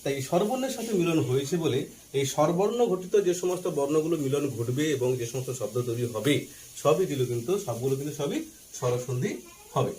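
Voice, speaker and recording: A man teaching a Bengali grammar lesson, slowly spelling out letters and asking and answering his own questions, with a faint Bangladeshi Bengali accent. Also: fairly high pitch, animated, dark tone, a little hiss or hum. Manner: slow and deliberate while writing, spelling out letters.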